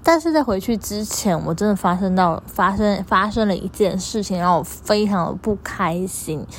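A young woman, a store clerk telling her followers a story in a chatty, animated way and repeating things for emphasis. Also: mid-range voice, moderate pace, slight background noise.

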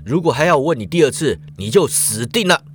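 An angry young king pressing hard with demanding, threatening questions, as a male storyteller voices him. The delivery moves freely in pitch. It is an audio storybook retelling. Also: animated, fairly quick, lightly acted.

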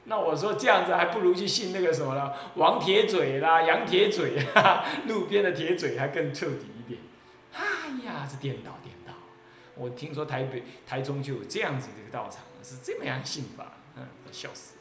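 A male abbot with a Taiwanese accent gives a Buddhist sermon in a lively, mocking way, teasing and laughing often. His voice sits a little high and he speaks briskly. The recording sounds roomy and echoey, with a noisy background.

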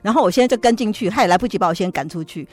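A middle-aged woman with a Taiwanese Mandarin accent, telling a lively personal story as an interview guest. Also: medium pitch, very fast, soft background music. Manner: lively storytelling, acts out quoted voices. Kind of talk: casual testimony storytelling.

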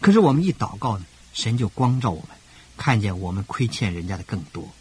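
Very husky, low-voiced older male preacher. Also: very animated, fairly quick, a little mellow. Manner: emphatic, rhythmic parallel phrasing with sudden rises. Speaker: pastor. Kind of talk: radio sermon.

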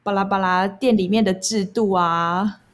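Woman, young adult, Taiwanese accent, medium pitch, casual storytelling, candid, explanatory, conversational. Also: fairly even intonation, moderate pace. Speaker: guest recounting past jobs.

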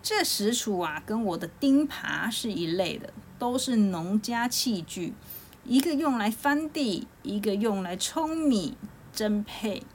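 A woman's voice: medium pitch, animated, a little slow, a little hiss or hum. A woman voicing a fretting pig father. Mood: fretful. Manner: despairing.

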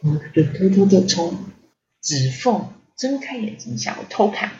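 A woman narrating a children's story, animated and sing-song, with chatty asides to the listener. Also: medium pitch, normal speed, a crowd in the background. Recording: slightly dull lo-fi audio.

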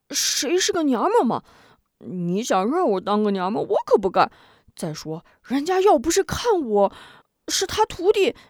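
A woman voices a dim, excitable hulk of a fighter in a spoken martial-arts tale. His voice runs high and lively, tripping over its own words, and it is recorded close and dry. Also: no room sound. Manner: stammering, flustered and insistent. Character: dim-witted excitable big male fighter.

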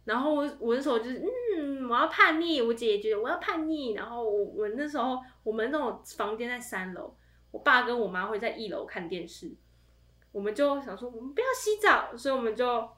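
A young woman chats as a podcast co-host, telling stories in an animated way. Her voice sits high, and the room adds a noticeable echo. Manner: animated storytelling with frequent laughter. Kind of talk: casual chat. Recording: echoey room.

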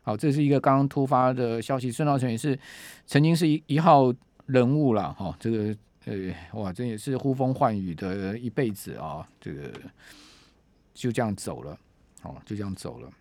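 A man's voice: medium pitch, expressive, normal speed, a little mellow, no echo. A man with a Taiwanese Mandarin accent, hosting radio news and giving conversational breaking news commentary, chatty and full of sentence-final particles.

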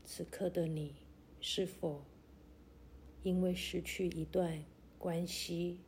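A woman narrating a guided meditation like a sleep story, in a gentle, soothing, deliberate way with long pauses. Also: lowish voice, flat delivery, slight background noise.

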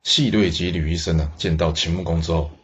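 A man telling a historical tale in a lively way, exclaiming and speaking asides to the listeners. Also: sits low, fairly quick. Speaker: storyteller. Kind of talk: historical storytelling. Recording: dull lo-fi recording.

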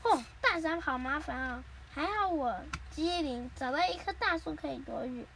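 A woman's voice: high-pitched, expressive, normal speed, gravelly, noisy background. A woman voicing a careless little-brother bean who whines and complains. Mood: whiny. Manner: whiny, complaining.

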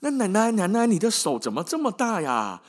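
A man's voice: high voice, wildly swooping pitch, a little fast, voice pushed up, full character voice. A man voicing a naive, trusting little girl in a storybook tale, innocent, chatty and full of wonder. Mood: puzzled. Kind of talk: storybook character voice in podcast storytelling.

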